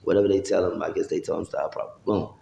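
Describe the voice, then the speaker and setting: Gravelly deep man telling a rambling story. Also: fairly even intonation, racing, dark tone, reverberant, highs cut off, slight background noise. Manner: rambling, profane street talk with acted-out quotes. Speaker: vlogger. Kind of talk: casual storytelling to camera.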